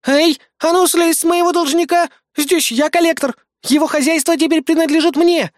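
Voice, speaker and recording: A man voicing a bossy, self-assured young woman who lays loud claims in an audiobook. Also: a little high, expressive, fairly quick, no echo, studio quality, pitched above the performer's own voice. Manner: domineering, claims loudly.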